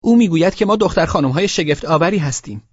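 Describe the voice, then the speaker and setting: A man reading an audiobook, voicing two young girls who shout together in high, excited voices. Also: slightly rough, dry recording. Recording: dull lo-fi sound.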